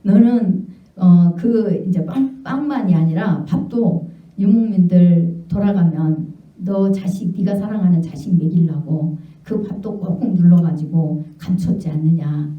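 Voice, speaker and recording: A woman's voice: on the low side, unhurried, close to an everyday voice. A woman pastor voicing God as a stern, loving father who rebukes firmly in a sermon. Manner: firm, solemn rebuke. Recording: echoey hall, distant mic, dull sound.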